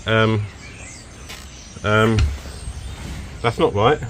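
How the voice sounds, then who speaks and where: A man's voice: on the low side, very slow, fairly bright tone, slight background noise. A man vlogging while working on his car in a home garage workshop, exasperated and swearing when things go wrong, a bit out of breath. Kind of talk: casual workshop vlog.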